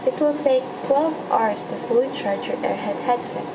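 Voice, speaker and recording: A woman's voice: a little high, moderate pace, natural voice. Courteous young female call center agent played by a woman, recited lines, distant mic, heavy noise. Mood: courteous, instructing. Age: young adult. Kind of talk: scripted call center role-play. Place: indoor room. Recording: distant mic, loud background hum.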